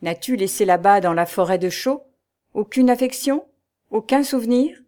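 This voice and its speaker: A woman's voice: medium pitch, lively intonation, normal speed, a little mellow, lightly acted. A woman reading the lines of a kindly, fatherly priest in a novel, speaking earnestly and reassuringly. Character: kindly paternal old male priest.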